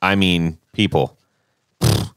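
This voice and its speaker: Deep-voiced, jokey podcast host. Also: male voice, slow, smooth, no echo, studio quality. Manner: jokey, laughs often. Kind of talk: casual podcast chat.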